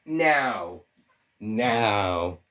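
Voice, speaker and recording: A young male video essayist with a sore throat rambles through casual, joking commentary, often cutting himself off mid-thought. His voice is lowish and fairly bright, with lively intonation and a very slow pace. The recording is roomy, with him far from the mic.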